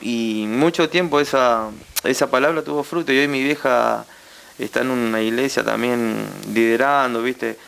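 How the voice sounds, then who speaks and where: A young Argentine man with a Rioplatense accent giving a heartfelt personal testimony as a guest, halting and full of repeated tag questions. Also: medium pitch, steady tone, creaky, fairly bright tone, clear, resonant tone.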